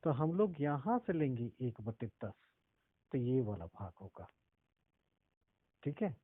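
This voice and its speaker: A man's voice: medium pitch, big pitch swings, takes it slowly, dry recording. Guy teaching decimals, keeps asking if u got it, sounds like a phone recording, dry. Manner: checks understanding often with questions to students. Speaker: math teacher. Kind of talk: step-by-step classroom explanation. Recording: tinny phone-like audio.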